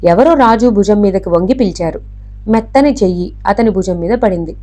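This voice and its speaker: A woman reading a detective novel aloud in a steady, even storytelling voice. Her tone is mellow and warm, at a middle pitch for a woman. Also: moderate pace. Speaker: narrator.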